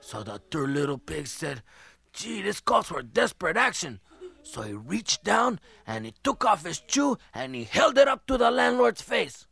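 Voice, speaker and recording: A man's voice: a little high, sing-song, moderate pace, gravelly, few pauses, fairly bright tone, no echo. Man telling a rambling comic fairy tale. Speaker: comedian. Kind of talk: comic storytelling routine.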